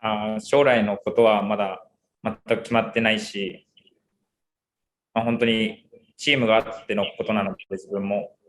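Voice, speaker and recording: A man answers interview questions in brief, modest bursts, talking rapidly. His voice is low and sounds slightly distant from the mic. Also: level tone. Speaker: footballer guest.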